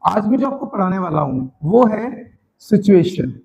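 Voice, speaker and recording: High-voiced Indian man teaching English. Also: big pitch swings, gravelly, darkish tone, lo-fi sound. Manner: drills tongue twisters slowly and repeatedly; addresses students as "beta", encouraging. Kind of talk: spoken English class, teaching in Hindi.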